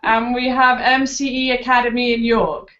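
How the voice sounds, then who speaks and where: Over a video call, a woman moderates a school video chat, introducing people politely and a little hesitantly, using fillers. Her voice is fairly high with a flat delivery at a moderate pace, and the dull lo-fi call audio carries background noise.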